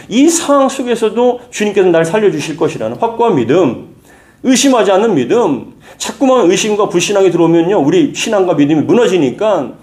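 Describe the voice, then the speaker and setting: A middle-aged man preaching a Sunday sermon with a somewhat high voice. He repeats key phrases for weight and climbs to forceful high peaks. He slows right down to read scripture aloud. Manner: reads scripture slowly with the congregation. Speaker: pastor.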